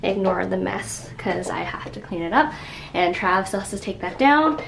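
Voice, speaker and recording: Losing her voice, a young woman vlogs her day at home and then at a restaurant, rambling chattily and saying "like" a lot. Her medium-pitched voice is animated but worn, stuffy-nosed, and full of vocal fry, at normal speed on a low-quality recording.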